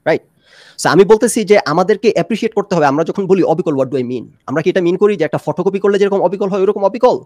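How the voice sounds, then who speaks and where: Fast-talking, argumentative Bangla man. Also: high voice, darkish tone, no room sound. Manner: argumentative, mixes English phrases into Bangla. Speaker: discussion panelist. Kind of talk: fast-paced debate.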